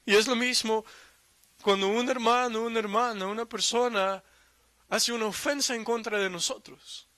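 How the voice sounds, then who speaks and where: A man's voice: very high-pitched, steady tone, normal speed, pushed and bright, dry recording. A man preaching a sermon in Spanish, reading scripture aloud and explaining it with emphatic asides and rhetorical questions. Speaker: pastor.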